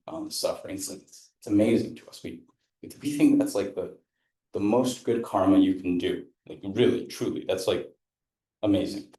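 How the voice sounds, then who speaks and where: In an event room before an audience, a man who grew up in India casually interprets a Buddhist teacher's dharma talk, rambling loosely with many fillers and restarts. His voice is low and dark in tone, and the low-quality recording sounds roomy.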